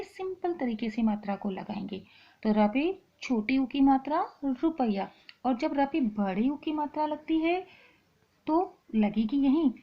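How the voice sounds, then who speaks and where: A woman teacher going through a lesson slowly and step by step. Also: a little high, muffled recording. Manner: slow, explaining step by step. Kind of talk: online lesson.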